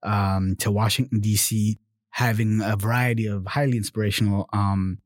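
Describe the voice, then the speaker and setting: A young man from Germany talks through his own story in a relaxed interview, with a lowish voice and dry, close sound. He is animated, checking in with "right?" and "you know" as he goes. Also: normal speed, no room sound. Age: 20s. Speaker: guest. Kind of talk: casual interview conversation.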